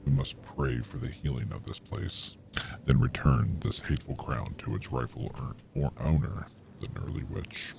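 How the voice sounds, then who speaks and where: A man voicing a huge, ancient talking tree from a fantasy game, grim and mournful, with slow, solemn, creaky speech. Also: a bass voice, animated, darkish tone, a little hiss or hum, voice pushed down, full character voice. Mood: grieving, solemn. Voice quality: creaky, gravelly growl. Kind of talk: video game role-play read aloud. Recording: music behind the voice.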